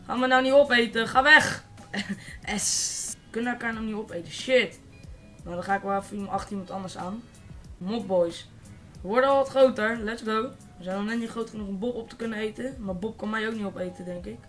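A teenage boy from the Netherlands giving casual, excitable let's-play commentary, swearing and shouting at opponents. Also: sits high, a little fast, soft background music. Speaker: gaming YouTuber.

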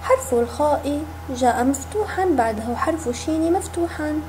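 A woman teacher giving a recorded reading lesson to young children, sounding out syllables slowly and stretching each word. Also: high voice, dark tone, slight background noise. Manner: slow, drawn-out syllables, sounding words out. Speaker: kindergarten teacher.

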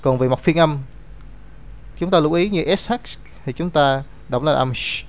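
A man's voice: a little high, moderate pace. A man teaching an English grammar lesson, explaining rules step by step and reading out example words.

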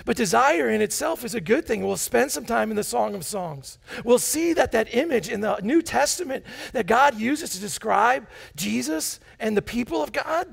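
An American pastor in his forties preaches a sermon in a large indoor church sanctuary, his fairly high voice heavy with gravelly fry. Animated and playful, he paces the stage and coaxes the congregation to join in.

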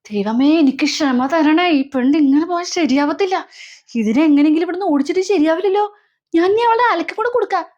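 A woman's voice: extremely high pitch, expressive, fast, a little mellow, highs cut off. Woman doing a grumbling scheming aunt. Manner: grumbling, bossy. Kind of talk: comic family skit.

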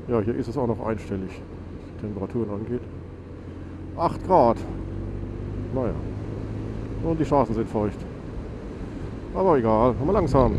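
A man talks into his helmet mic while riding, his voice stuffy and nasal from a cold. He rambles along, corrects himself and drops plenty of fillers. Engine and wind noise roar clearly behind him. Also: medium pitch. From Germany. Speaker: motovlogger. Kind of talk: casual chat while riding. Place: outdoors on a motorcycle on a country road. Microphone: helmet mic on a motorcycle. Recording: noisy motorcycle wind and engine.

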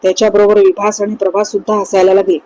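Woman narrating a spooky tale, mellow. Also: medium pitch, flat delivery, fast talker, no echo, rough recording. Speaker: storyteller. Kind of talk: scripted horror narration.

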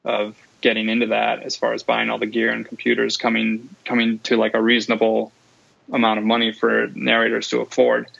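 A man's voice: lowish voice, monotone, fairly quick, vocal fry, a bit bright, dry recording, lo-fi sound. A man who runs an audio studio, co-hosting a podcast and explaining his work in a matter-of-fact way. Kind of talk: casual podcast interview.

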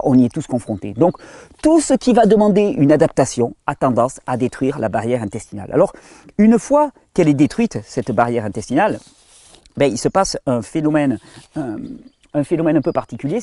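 A French-speaking man hosting a health channel, explaining at length in a casual tone to the viewer, with frequent restarts and study titles read in halting English. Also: medium pitch, sing-song, dark tone, no room sound. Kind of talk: explanatory monologue.

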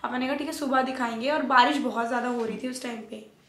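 A young woman casually telling her love story as a vlogger, animated, slipping English phrases into her talk and acting out family members' lines. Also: on the high side, quick pace. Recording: echoey room.

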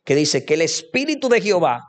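A young man whose voice sits a little high swings widely in pitch as he talks fairly quickly through a fervent religious testimony. As the guest, he preaches and repeatedly calls the listener "amado."

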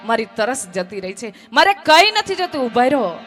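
A woman storyteller voicing the god Krishna as a gentle, affectionate divine friend who pleads softly. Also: very high-pitched, big pitch swings, normal speed, soft background music, exaggerated voice. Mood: tender.

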